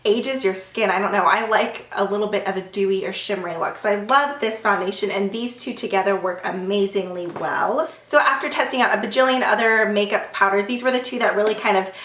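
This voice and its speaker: A woman's voice: mid-range voice, fairly quick, few pauses, fairly bright tone. A woman beauty vlogger, congested from a sore throat, chatting to camera in a rambling way. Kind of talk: casual chat to camera. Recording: roomy echo, mic at a distance.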